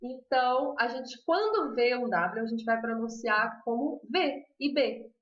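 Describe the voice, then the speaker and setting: Reading viewer comments aloud and laughing frequently, a Brazilian woman with a Brazilian Portuguese accent hosts a casual live stream on Spanish pronunciation. Her voice is a little high and a bit bright, animated but slightly slow, and the sound is roomy and somewhat dull.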